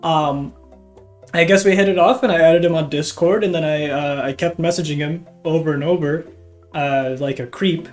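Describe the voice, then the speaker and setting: A Norwegian YouTube host with a slight cold chats casually with his viewers, hesitant and self-deprecating. His voice is fairly high with fairly even intonation, and he talks at a moderate pace over background guitar music.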